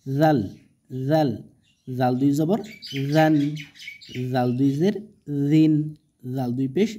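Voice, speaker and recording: A man with a Bangladeshi Bengali accent teaching Quran reading in a slow, patient lesson, drawing out each syllable and checking in with the learner. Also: a little high, warm tone, a little hiss or hum. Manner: drawn-out syllables, patient explaining, asks "ঠিক আছে?". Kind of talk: slow step-by-step recitation lesson.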